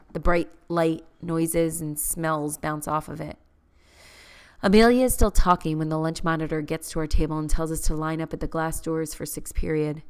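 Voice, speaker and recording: Low-voiced woman narrating an audiobook. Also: clean tone. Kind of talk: first-person audiobook narration.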